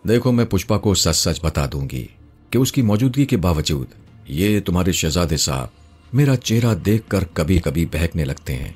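A man doing an emotional young wife in a spoken story, wary and pleading, reproachful tone, raised pitch above a low, husky base, with faint music underneath. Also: sing-song, darkish tone, heavily acted. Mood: teasing.

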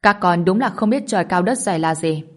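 A woman reading as a stern old martial clan father, low and loud, barking orders at his grown sons. he sounds like a storybook patriarch who expects to be obeyed. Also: lively intonation, fairly quick, lightly acted. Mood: stern scolding. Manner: commanding, scolding.

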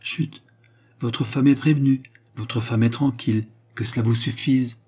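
A man voicing a soft, tender, mysterious young woman who nurses a wounded man, in an audiobook. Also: medium pitch, steady tone, a little slow. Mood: gentle.

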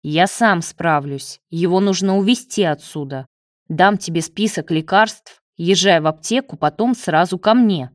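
A woman's voice: lowish voice, a little slow, no room sound, clean studio sound, natural voice. A woman reading a terse, commanding young man. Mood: urgent. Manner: terse, urgent orders.

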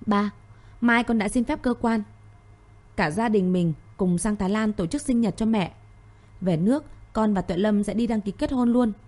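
A woman's voice: mid-range voice, normal speed, mellow, lightly acted. Woman voicing Thiên Vũ, a firm young man. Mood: firm reassuring.

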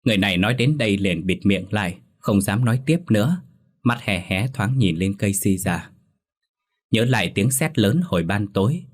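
Male horror storyteller, low and husky, measured scripted reading.

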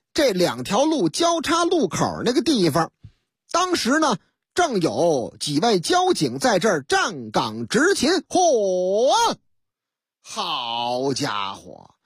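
A woman's voice: a little high, husky, no echo. A woman radio host, telling a news story in a comic storytelling manner with set phrases and asides, on a studio microphone.

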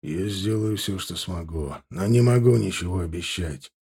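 A man's voice: deep voice, moderate pace, warm tone, slightly rough, pitched below the performer's own voice. A man voicing a cool gangster who answers in a level, dry, terse way. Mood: flat. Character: cool, dry male gangster, even-voiced.

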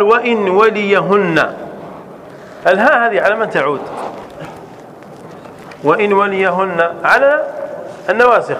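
Male grammar teacher, fairly high voice, patient explainer who drags out examples, faint hiss behind. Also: bright, forceful tone. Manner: slows down to spell out example sentences, asks "clear?" often. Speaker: sheikh teaching Arabic grammar. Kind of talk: classroom grammar lesson.

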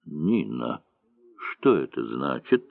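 A man's voice: a bass voice, takes it slowly, gravelly, no room sound, voice pushed down, full character voice. A male reader voicing a cold, bored young officer who answers curtly in a wooden tone, in a dry, tinny recording. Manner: flat, wooden, curt. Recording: dry, tinny narrow-band sound.

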